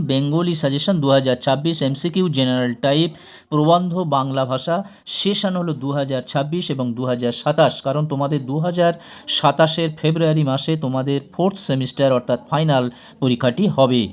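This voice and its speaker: Man, teacher, exam prep lesson, slightly high pitch, reads options as a list, then the answer. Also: normal speed. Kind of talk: exam prep lesson reading quiz questions.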